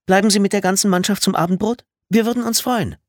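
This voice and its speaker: A male audiobook reader voicing a mother who warmly invites guests to dinner. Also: high-pitched, quick pace, dry recording, studio quality, pitched above the performer's own voice, close to an everyday voice. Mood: welcoming. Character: flustered mother welcoming guests, woman.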